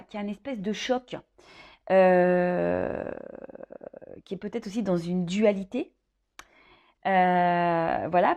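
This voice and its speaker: Her voice is medium-pitched and darkish, with audible vocal fry. As host of a love horoscope, she gives the viewer informal, off-the-cuff tarot guidance, hesitating, thinking aloud and repeating phrases punctuated by frequent "hein."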